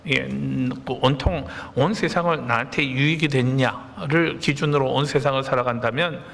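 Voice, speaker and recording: Korean pastor preaching, kinda gravelly voice, chatty w/ little stories, big echoey church sound. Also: male voice, mid-range voice, normal speed, a bit bright. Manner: conversational preaching with anecdotes and rhetorical questions. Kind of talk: sermon. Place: church sanctuary. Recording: long reverb of a church hall.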